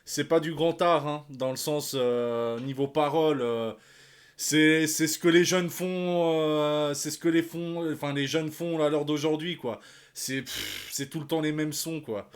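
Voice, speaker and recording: A reaction channel host in his thirties gives casual commentary in a fairly high voice, a little slowly. He uses slang and sighs a lot, with many fillers and restarts.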